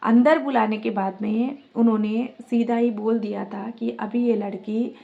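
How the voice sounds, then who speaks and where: A woman with a somewhat high voice tells a personal story straight to her viewers in a casual, earnest way. She retells what each person said and calls her audience "guys." The sound is dull and lo-fi, missing the top end. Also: steady tone, normal speed, vocal fry, dark tone. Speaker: vlogger recounting a family dispute. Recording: dull lo-fi recording.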